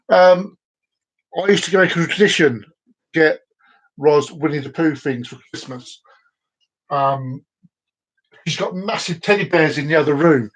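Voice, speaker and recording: A man in his forties with a fairly high voice hosts a live stream, speaking directly to his viewers. He rambles playfully and repeats words and phrases, keeping the chat loose and casual.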